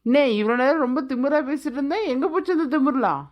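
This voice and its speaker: A cocky little street thug in a cartoon, voiced by a woman, with a slightly high voice. He taunts and swaggers. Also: animated, fast. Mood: taunting. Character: short cocky male street thug, mocking. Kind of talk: cartoon voice acting.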